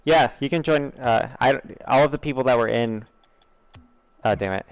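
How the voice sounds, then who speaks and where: His medium-pitched voice moves at a moderate pace with no room sound. He's a young General American–accented man from the U.S. chatting casually and laughing with viewers as he streams a game.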